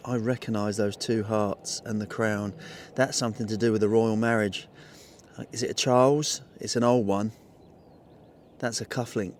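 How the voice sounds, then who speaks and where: A chatty, excitable man from England narrates his metal-detecting finds straight to camera. He talks to his viewers in a casual way, recorded outdoors in a wet field on a camera mic. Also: fairly low pitch, normal speed, a little hiss or hum.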